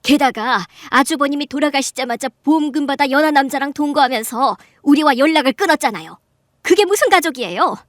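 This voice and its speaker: A woman's voice: sits high, animated, no echo, clean studio sound. A middle-aged mother narrating firmly. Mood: angry. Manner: measured storytelling, firm and sharp when confronting. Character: middle-aged mother, calm narrator who snaps in anger. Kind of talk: Korean radio drama narration.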